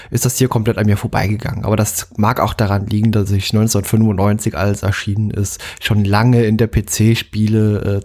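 A man as a guest on a casual podcast, talking in a measured, hesitant way with fillers. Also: on the low side, a little mellow.

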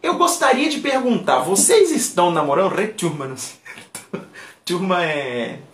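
A language teacher whose first language is Portuguese, giving a live online lesson and repeating phrases patiently and slowly for learners. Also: medium pitch, sing-song, fairly bright tone, slight background noise. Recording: roomy echo.

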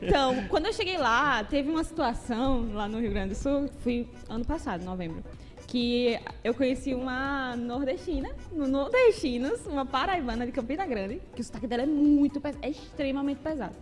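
A woman with a Paraíba Northeastern Brazilian accent, chatting lively as a podcast guest and often laughing. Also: sits high, normal speed, long reverb tail, faint music behind. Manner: lively, laughing, imitates regional slang. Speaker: guest, page owner. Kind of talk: casual podcast chat.

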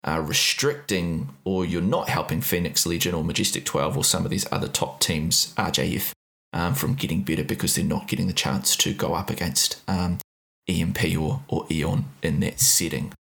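Deep-voiced podcast host man. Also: gravelly, a bit bright. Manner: measured, probing, many fillers. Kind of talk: casual podcast interview.

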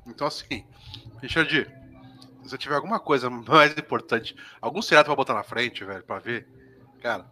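A man's voice: medium pitch, bright, forceful tone, a little hiss or hum. A man co-hosting a casual film podcast, blunt and slangy. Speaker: podcast co-host.

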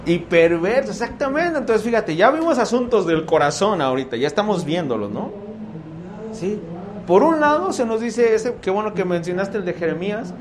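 A man with a Mexican accent teaching a youth Bible class, lively and constantly checking in with his listeners. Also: sits high, normal speed, slight background noise. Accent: Mexican Spanish. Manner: animated, keeps asking "¿sí?" to check his listeners. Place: room with a live class.

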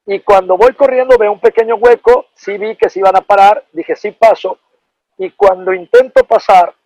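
A man's voice: high-pitched, moderate pace, gravelly, dry recording, low-quality recording. A middle-aged man with a Mexican accent, a former football player telling an anecdote in a casual, profane, slangy way. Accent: Mexican Spanish. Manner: animated, profane, slangy storytelling.

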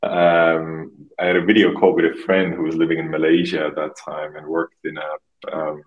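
A man from Estonia in his thirties, a podcast guest talking casually and haltingly, often restarting and repeating words. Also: a bass voice, completely flat delivery, narrow, tinny audio. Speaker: podcast guest, marketing expert. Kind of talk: casual interview conversation.

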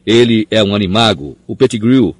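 A man's voice: on the low side, fairly quick, no room sound, close to an everyday voice. A man reading an audiobook, voicing an earnest, clever schoolgirl who pleads insistently. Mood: pleading. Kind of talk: audiobook character voice.

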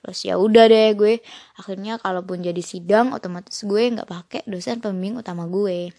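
A woman's voice: mid-range voice, fairly even intonation, fairly quick, warm tone, no echo. Young female podcast host, chatty storyteller who acts out the dialogue, dry close recording. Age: young adult. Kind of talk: casual storytelling.

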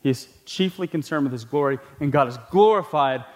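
Pastor guy preaching, kinda high voice, chatty then gets loud and punchy, asks the crowd stuff. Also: a little fast. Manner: conversational preaching, rising to emphatic peaks and dropping low; laughs between points, asks the congregation questions. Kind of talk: sermon.

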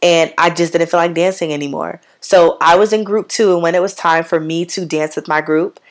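A young adult woman with a raspy, slightly sick voice, talking bluntly and casually on her solo podcast with slangy asides. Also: lowish voice, fairly even intonation, fairly quick. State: sick, hoarse voice. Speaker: podcast host.

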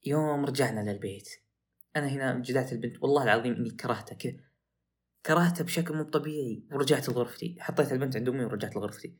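A young man, hosting a podcast and telling a story in a casual, animated way that rises into excited outbursts. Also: mid-range voice, racing. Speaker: podcast host.

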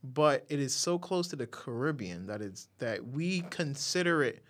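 A man's voice: mid-range voice, expressive, moderate pace, a bit bright. A man from Guyana, a guest telling stories in a casual, laid-back conversation.

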